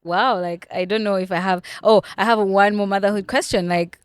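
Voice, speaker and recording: A woman's voice: mid-range voice, steady tone, normal speed, smooth, dry recording, clean studio sound. A young woman hosting a casual podcast interview, responsive and chatty, filling her talk with "like". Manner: warm, responsive, many "like"s. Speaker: podcast host.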